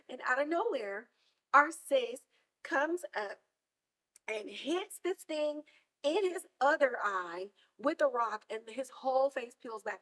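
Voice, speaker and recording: A woman hosting a podcast, retelling a TV episode in casual chat and acting out the characters in big, excited bursts. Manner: animated storytelling, acts out characters with big high-pitched bursts. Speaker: podcast host.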